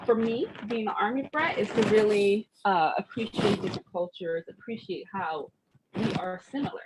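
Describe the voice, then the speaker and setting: A woman's voice: mid-range voice, moderate pace. A woman who grew up in Germany as a military child, hosting a casual spiritual chat in an affirming manner and repeating phrases for emphasis. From grew up in Germany as an American military child. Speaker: host leading a vision board party. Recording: noisy background hiss.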